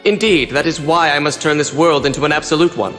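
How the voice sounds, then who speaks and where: A man performs a theatrical villain with grand plans in an anime dub. The voice is fairly high, formal and suave, echoing in a long hall over music. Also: quick pace, fairly bright tone, close to an everyday voice. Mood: smug, calm.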